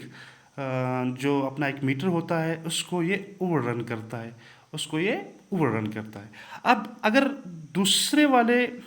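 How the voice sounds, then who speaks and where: A man teaching a poetry lesson, counting syllables slowly and emphatically. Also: a little high, a bit bright. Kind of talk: poetry lesson mixing English and Hindi.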